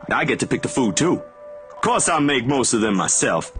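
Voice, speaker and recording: An actor gives a sing-song, slightly bright performance at a moderate pace as Zachary, a casual, kind, somewhat awkward young man in a visual novel. The medium-pitched delivery is slangy and easygoing with a touch of awkwardness, and game music runs beneath it.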